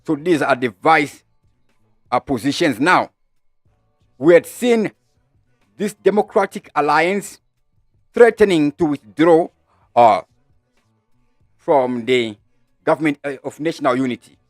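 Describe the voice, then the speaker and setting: A man's voice: fairly high pitch, expressive, unhurried, long pauses, dry recording, studio quality, soft background music. Zimbabwean man hosting live commentary. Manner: many filler "uh"s, greets viewers live. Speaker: host of a live online news channel. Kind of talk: live-streamed political commentary.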